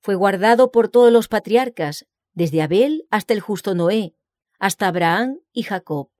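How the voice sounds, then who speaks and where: A woman giving a measured, solemn scripted narration of a religious book, reading out scripture citations. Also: medium pitch, expressive, a little mellow, no room sound, clean studio sound.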